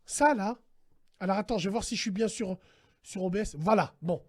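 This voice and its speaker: A man's voice: sits high, a little fast. Slangy man hosting a call-in stream. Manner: animated, slangy, swings between mock-whispered dread and shouting. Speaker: host. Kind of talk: casual livestream radio chat.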